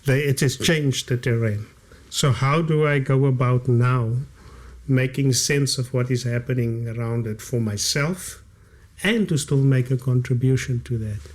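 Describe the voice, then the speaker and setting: Speaking at a measured pace in a mid-range voice, this guest author reflects on things in a podcast studio. He is a South African man in his late fifties who grew up speaking Kaaps, and he draws out important words for emphasis into a studio condenser mic while wearing headphones.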